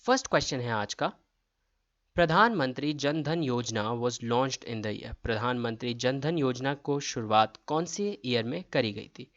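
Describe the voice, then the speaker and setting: A man's voice: mid-range voice, animated, unhurried, fairly bright tone, highs cut off. A man running an exam-prep quiz lesson, reading each question and its options aloud before explaining the answer. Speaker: quiz tutor.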